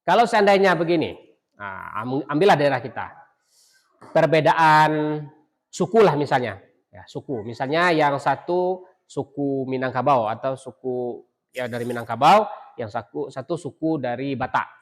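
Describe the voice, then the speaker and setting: A middle-aged man teaching a class, asking rhetorical questions and pausing on fillers and restarts. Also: mid-range voice, lively intonation. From Indonesia. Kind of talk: classroom lecture.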